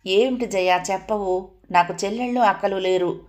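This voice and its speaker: A woman's voice: mid-range voice, moderate pace, close to an everyday voice. A woman doing an anxious, caring young daughter. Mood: worried. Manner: worried, questioning.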